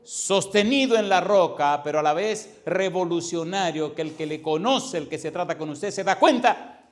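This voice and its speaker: Fervent pastor, fairly high voice. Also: male voice. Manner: fervent preaching with emphatic repetition; swings between slow stressed words and fast runs. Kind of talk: sermon.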